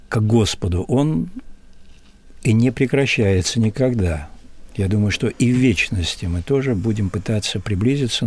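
An older man answering interview questions in a measured, solemn and unhurried way. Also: mid-range voice, a little mellow, husky, no room sound. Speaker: interview guest.

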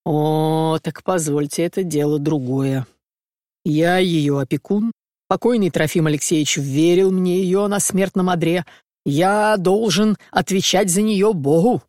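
A woman's voice: fairly low pitch, a little slow, darkish tone, dry recording, clean studio sound, lightly acted. Klim Sidorovich, a woman doing a fussy, flustered country squire. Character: flustered, evasive provincial landowner and father.

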